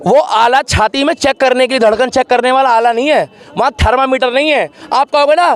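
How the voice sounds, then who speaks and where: High-voiced mocking man in street argument. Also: a little fast. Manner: mocking, acts out scenes with quoted voices. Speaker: street debate participant.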